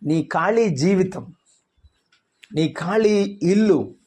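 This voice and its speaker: A man's voice: high voice, expressive, very slow, a little mellow. A man preaching a sermon as pastor, firing rhetorical questions at the congregation.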